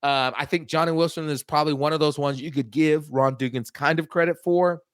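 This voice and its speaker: A man co-hosting a casual sports talk show, emphatic and animated, repeating points for emphasis. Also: on the high side, brisk, smooth, no room sound, studio quality. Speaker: podcast co-host.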